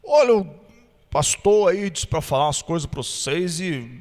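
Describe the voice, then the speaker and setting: A man's voice: fairly high pitch, lively intonation, darkish tone, in a large hall, voice pushed down, lightly acted. A man doing a shy, mumbling countryman. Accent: Minas Gerais. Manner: slow, hesitant, mumbling. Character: shy burly older man from the countryside, a former smoker.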